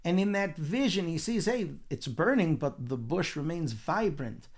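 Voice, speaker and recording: Animated man retelling a scripture story. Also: fairly high pitch, moderate pace. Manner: animated storytelling with acted quotes. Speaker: rabbi. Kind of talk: weekly Torah portion talk.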